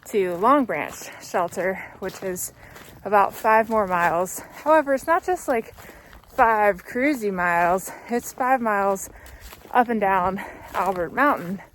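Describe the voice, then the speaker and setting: A woman's voice: mid-range voice, slight background noise. A young adult woman chatting casually to her camera outdoors on a mountain hiking trail. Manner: chatty and upbeat, talking to the camera while walking. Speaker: hiking vlogger. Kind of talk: casual trail vlog narration.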